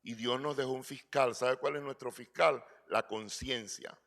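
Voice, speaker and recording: A man's voice: mid-range voice, steady tone, measured pace, creaky, fairly bright tone. A middle-aged man preaching a sermon in earnest, asking rhetorical questions and calling his listeners brother. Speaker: pastor.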